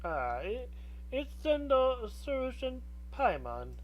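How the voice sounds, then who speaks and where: A woman acts out a wise old crone from a video game. She speaks in an old hag manner, slow and halting, as an elder who knows more than she tells. Her pitch moves around a great deal. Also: sing-song, lo-fi sound. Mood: grave, knowing. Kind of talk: video game dialogue read aloud.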